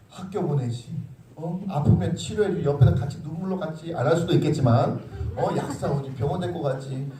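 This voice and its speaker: A man's voice: on the high side, dark tone. A young man preaching a sermon to middle schoolers as a youth pastor, talking informally, teasing, and acting out quotes with laughs. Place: church sanctuary. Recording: echoey room, far from the mic.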